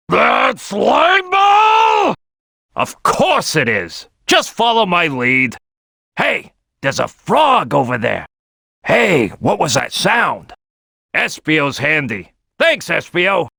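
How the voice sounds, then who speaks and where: A man's voice: high voice, wildly swooping pitch, slow pace, gravelly, bright, forceful tone, dry recording, studio quality, full character voice. A man voicing a brash, bossy crocodile detective in a video game, boisterous and cocky, with a streetwise, barking delivery. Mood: indignant. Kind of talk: animated video game character acting.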